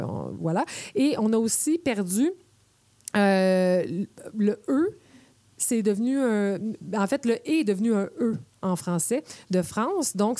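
Playful Québécoise woman with a mellow voice. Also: mid-range voice, no echo. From Quebec. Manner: playful, explains using spoken examples. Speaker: radio columnist. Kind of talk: explanatory radio chat.

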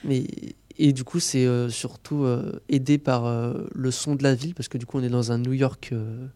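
A man talks through a film review on a campus radio show, hesitating often and restarting his phrases. His voice is mellow and mid-pitched. The studio sound is dry and close. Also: steady tone, normal speed, no room sound. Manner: hesitant, many fillers and restarts. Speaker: film columnist.

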